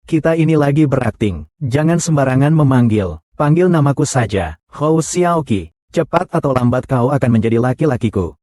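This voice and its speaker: A man's voice: medium pitch, expressive, normal speed, dark tone, no echo, clean studio sound, lightly acted. A man voicing the characters of a dubbed short drama, with a scornful, confrontational delivery.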